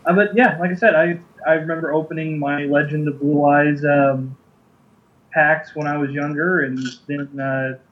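A man's voice: fairly high pitch, steady tone, moderate pace, dull audio. A man co-hosting a podcast in casual chat, easygoing and full of ums, laughing often. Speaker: podcast co-host.

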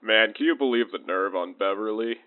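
A man's voice: lowish voice, brisk. A man playing a male fire captain slacking off with beers, laid-back and hesitant, heard over a police-style two-way radio. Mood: sheepish. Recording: tinny radio line.

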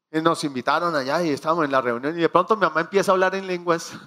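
A man preaching a sermon, telling stories with acted asides and slowing down to stress key phrases. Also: on the high side, sharp tone. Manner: storytelling with acted asides and quoted prayers.

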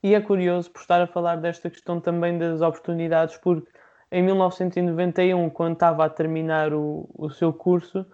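An interviewer asking formal, measured questions. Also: medium pitch, little pitch movement, darkish tone, muffled recording.

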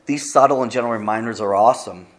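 A man's voice: medium pitch, quick pace. A man preaching a sermon, retelling a Bible story in a conversational way with easy asides to the congregation. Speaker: pastor.

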